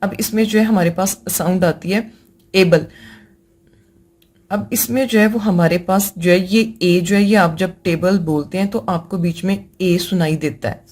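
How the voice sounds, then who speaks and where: A woman's voice: lowish voice, steady tone, darkish tone. A woman with a Pakistani accent teaching English grammar in a lecture, patiently repeating example words and mixing English terms into her explanations. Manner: patient, repeats example words slowly and often says "theek hai". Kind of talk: classroom lecture explaining vowel sounds.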